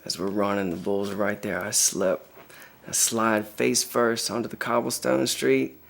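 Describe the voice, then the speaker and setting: An actor playing a young soldier telling a wild story, profane and swaggering. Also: male voice, lowish voice, level tone, measured pace, gravelly, fairly bright tone. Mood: brash. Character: brash young male soldier, reckless storyteller. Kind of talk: dramatic monologue.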